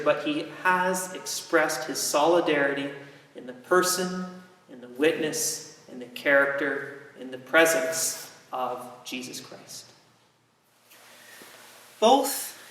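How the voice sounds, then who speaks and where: A man with a slightly high voice delivers an informal sermon in a very echoey gym. He sounds a little distant from the mic, with a long ring around his words. He explains things emphatically, leaving deliberate pauses. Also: a bit bright. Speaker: host of a faith series, preacher.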